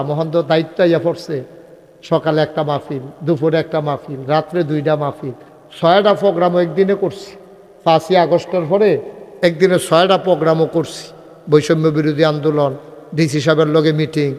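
A man's voice: fairly high pitch, a little mellow, in a large hall. A man preaching a humorous sermon, telling stories and getting the crowd to call back responses. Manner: conversational, storytelling with dialogue. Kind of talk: humorous Islamic sermon at a religious gathering.

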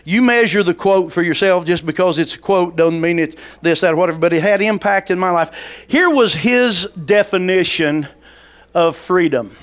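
Pastor guy, pretty high voice, headset mic, pacing the church stage, folksy preaching. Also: moderate pace. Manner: folksy, calls on the congregation, rises to loud preaching; paces the stage, gesturing. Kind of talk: sermon. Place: large church sanctuary stage.

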